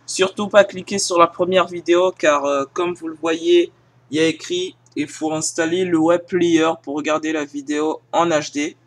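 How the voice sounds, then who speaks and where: A young French-speaking YouTuber with a fairly high voice casually walks viewers through film sites in a screen-recording tutorial. He's hesitant, full of fillers, restarts, and self-mocking asides. He films with a phone held in one hand.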